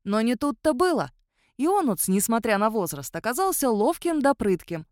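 A woman narrating an audiobook story in an expressive, animated way. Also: on the high side, moderate pace, dry recording, studio quality.

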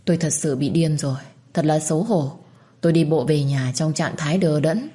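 A woman narrating a first-person romance story in a calm, reflective manner. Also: low voice, moderate pace.

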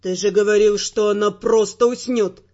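Lady doing an indignant young spy guy, low and loud. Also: steady tone, moderate pace, dull audio, natural voice. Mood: furious. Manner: indignant, shouting. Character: angry young male spy partner.

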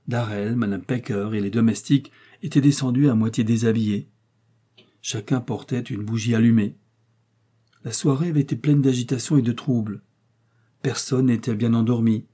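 A man reads a classic novel aloud in a measured, dramatic way. His voice is husky and mellow, with a dark, soft tone. He sits at a middle pitch for a man. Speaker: audiobook narrator. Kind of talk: scripted narration of a novel.

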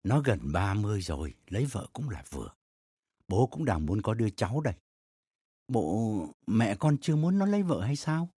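A man voicing a calm, mild father in an audiobook story, giving advice in a measured way. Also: on the low side, slightly rough, no room sound, studio quality.

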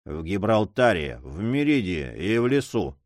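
A man voicing a terrified, tortured male prisoner who swings between hushed pleas and desperate outcries. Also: low-pitched, very animated, unhurried, dry recording, clean studio sound, voice pushed down. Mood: defiant. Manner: desperate, alternately whispering and crying out.

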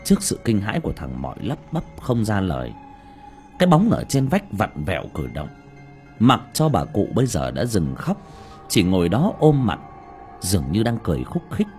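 A man narrating a scripted horror story in a dramatic, expressive way. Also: on the low side, normal speed, soft background music. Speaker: audiobook narrator.

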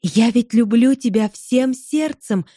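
A woman reading as a passionate young woman of twenty-one, speaking eagerly and with emphasis, higher than her narrating voice. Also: lively intonation, measured pace, mellow, no echo, studio quality. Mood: ardent.

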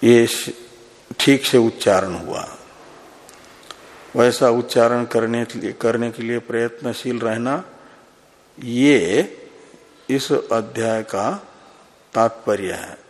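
A man, a monk, giving a scripture discourse, speaking deliberately and posing questions to his listeners before answering them himself. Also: mid-range voice.

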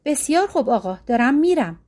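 A woman reading a storybook, voicing a humble, honest male farmer who speaks calmly and firmly. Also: high-pitched. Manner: calm, plain, firm.

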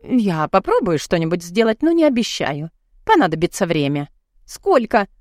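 A woman's voice: lowish voice, sing-song, moderate pace, no room sound, clean studio sound. A woman reading the part of an evasive middle-aged mother who placates her daughter, in an audiobook. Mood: irritated.

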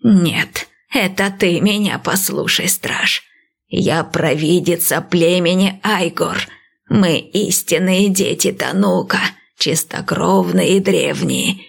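A woman playing a calm old blind seer. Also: on the low side, creaky, husky, full character voice. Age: older. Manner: slow, calm, measured.

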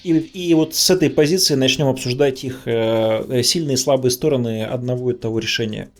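A podcast guest with a mid-range voice talks fairly quickly in a casual tech discussion, telling informal stories as if recounting things from work.

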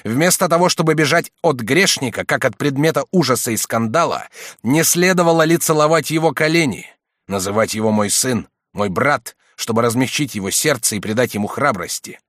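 A man's voice: mid-range voice, expressive, fairly quick, no echo, clean studio sound, close to an everyday voice. A man voicing a stern old cardinal who rebukes a monk, reading a storybook aloud. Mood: reproachful. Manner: rebuking, rising and forceful.

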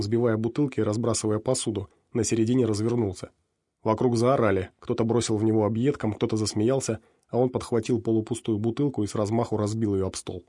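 A man reading audiobook narration in a steady, measured way. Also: lowish voice, no echo, clean studio sound. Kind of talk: scripted narration.

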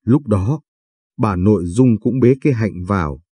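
Male storyteller, somber, dark mellow voice, husky, dry close sound. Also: lowish voice, expressive, measured pace, no room sound. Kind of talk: scripted story narration.

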